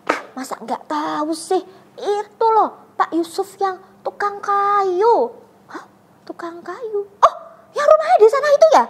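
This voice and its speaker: Shrill, scoffing village gossips, as a woman storyteller puts them on, high and swooping, for a kids' Bible story. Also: exaggerated voice. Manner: mocking, loud and high. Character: scornful gossiping townsfolk, sneering and dismissive.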